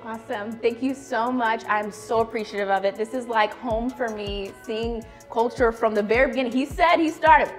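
A woman's voice: a little high, normal speed, few pauses, soft background music. Bubbly young woman co-hosting a TV show. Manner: bubbly, enthusiastic, laughs often. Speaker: co-host. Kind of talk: upbeat TV cooking show hosting. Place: TV studio set with city backdrop. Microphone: lapel mic.

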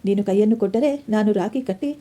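A gentle young heroine in a storybook, earnest and soft-spoken, as a woman narrator reads her lines. The voice is very dark and mellow. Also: mid-range voice, a little fast, lightly acted.

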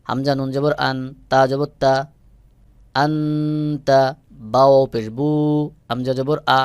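A man's voice: medium pitch, clear, resonant tone, dry recording. A man teaching Quran reading, spelling out each letter and its vowel and then blending them into the word. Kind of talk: slow syllable-by-syllable recitation lesson.

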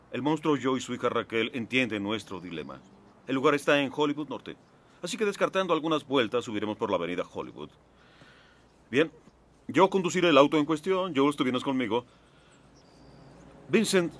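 Commanding middle-aged fixer, swooping pitch. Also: male voice, very animated, brisk, long pauses, fairly bright tone. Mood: stern, sardonic. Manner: authoritative, clipped, dryly sardonic. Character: brisk, commanding middle-aged male underworld fixer in a tuxedo. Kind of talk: dubbed film dialogue in Spanish. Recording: film soundtrack with faint background noise.

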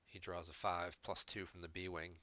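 A man's voice: deep voice, level tone, normal speed, bright, forceful tone, slight background noise. A man commentating on a recorded card game match, explaining each play step by step from home. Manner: analytical, explains plays step by step. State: hiccups. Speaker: game reviewer. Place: home room.

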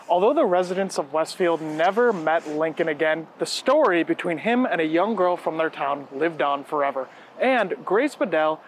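A man hosting a museum history program, giving scripted narration in a clear, measured presenter's delivery. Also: on the high side, a little hiss or hum.

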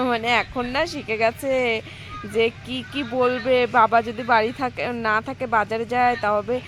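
A woman's voice: a little high, steady tone, takes it slowly, a bit bright, a little hiss or hum, low-quality recording. A young woman with a West Bengal Bengali accent, chatting to viewers in a casual daily-life vlog with many fillers. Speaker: vlogger.

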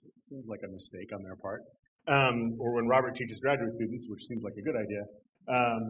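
A middle-aged man presenting a technical talk at a conference, relaxed and conversational, with dry humor and frequent "um"s. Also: mid-range voice, a little hiss or hum, poor audio. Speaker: conference speaker. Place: conference hall.

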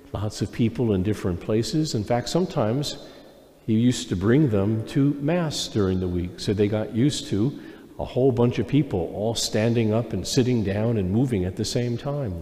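A man serving as priest, reading the Gospel and preaching a homily at Mass in a calm, plain storytelling way for children, his voice carried by a cathedral echo in a large church. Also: lowish voice. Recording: long echoey church reverb.

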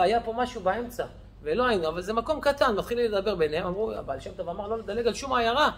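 A male rabbi telling stories in a lesson, lively, acting out the characters' voices. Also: high voice, slight background noise. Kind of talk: storytelling lesson.

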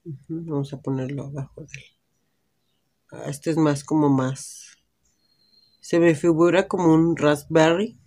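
Unhurried and pausing often, this woman speaks in a low, dark voice with fairly even intonation. She has a Mexican Spanish accent and is a beauty vlogger trying on lipsticks at home, chatting and thinking aloud in natural indoor light.

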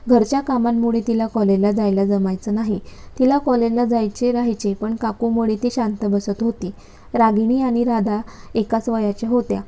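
Mellow-voiced woman narrating a story. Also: a little high. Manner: steady, even storytelling read.

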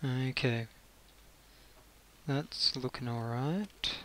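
Faint hiss and clicks sit behind this gaming creator as he builds, musing to himself in relaxed commentary. He speaks extremely slowly at a medium pitch, with a fairly bright tone.

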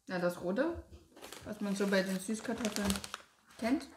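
A woman's voice: mid-range voice, expressive, a little slow. A woman, talking casually as co-host of a tasting video. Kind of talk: casual chat. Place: domestic room indoors. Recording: roomy echo, clear background noise.

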